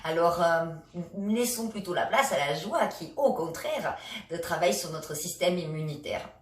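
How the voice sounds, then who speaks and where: A woman leading a laughter yoga session, coaching gently with many hesitations. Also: lowish voice, lively intonation, normal speed. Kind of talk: guided exercise session. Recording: echoey room, a bit far from the mic.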